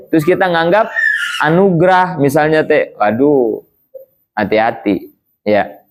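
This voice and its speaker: Male religious teacher, casual lesson style, keeps quizzing the class. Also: medium pitch. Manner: conversational, quizzes listeners with repeated questions. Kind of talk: Islamic creed lesson to young students.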